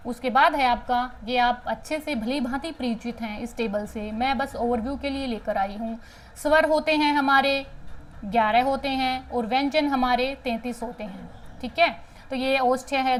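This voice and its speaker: A woman's voice: a little high, a little hiss or hum, poor audio. A woman teacher giving an exam-prep lecture, explaining step by step, asking questions and answering them herself, with English terms mixed into her speech.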